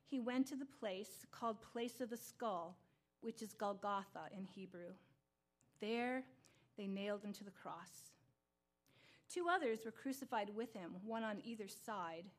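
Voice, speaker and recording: A woman narrating a scripture reading in a steady, even way. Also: medium pitch, measured pace. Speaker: reader.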